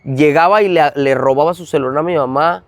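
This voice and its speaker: Lively Mexican man telling his story. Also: a little high, fairly quick, no echo. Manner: animated, acts out dialogue in retelling. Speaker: interview guest. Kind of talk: storytelling testimony.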